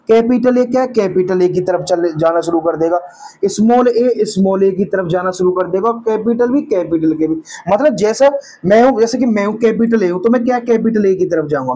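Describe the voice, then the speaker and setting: A man's voice: sits high, warm tone, slightly rough, low-quality recording. A man teaching a lesson in casual lecture style, repeating key terms back as quiz questions and correcting his own slips along the way. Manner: slow drawn-out terms, sudden speedups.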